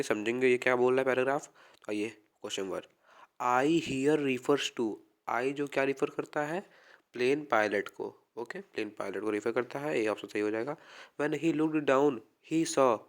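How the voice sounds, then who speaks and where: A man teaching a quick exam revision lesson while suffering a heavy cold that dims his voice. He reads English quiz lines slowly, then explains them. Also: mid-range voice. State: has a heavy cold, voice dimmed. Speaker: tutor.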